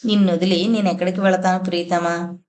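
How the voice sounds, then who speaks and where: A woman's voice: on the low side, flat delivery, brisk, a little mellow, natural voice. A woman voicing a seductive female spirit in a suspense audiobook, speaking in a teasing, possessive near-whisper. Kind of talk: audiobook character voice.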